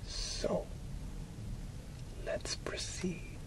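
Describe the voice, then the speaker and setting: A person reading a book aloud for ASMR in a soft, breathy whisper, with deliberate phrasing and frequent pauses. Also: rough recording. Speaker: ASMR reader.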